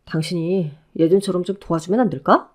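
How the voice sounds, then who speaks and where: A woman's voice: fairly low pitch, brisk, a little mellow, natural voice. A woman voicing a wheedling, self-pitying ex-husband who begs his former wife to take him back, in a Korean audio drama. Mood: pleading. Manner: pleading, whiny.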